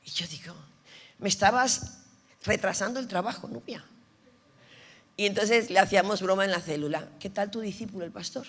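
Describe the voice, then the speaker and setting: A woman pastor preaching an animated sermon, telling stories and teasing her audience. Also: medium pitch, normal speed, pauses often. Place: large church hall. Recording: reverberant hall.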